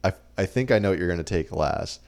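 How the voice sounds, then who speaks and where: Very deep gravelly young man, dry teasing. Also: animated, quick pace, darkish tone. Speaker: podcast co-host. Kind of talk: casual chat.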